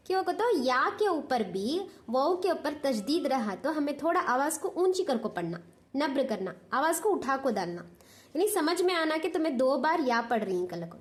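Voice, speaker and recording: High-voiced Hyderabadi woman teaching patiently. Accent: Hyderabadi Urdu. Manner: patient, repetitive, asks "understood?". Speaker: Quran recitation teacher. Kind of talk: step-by-step lesson explanation.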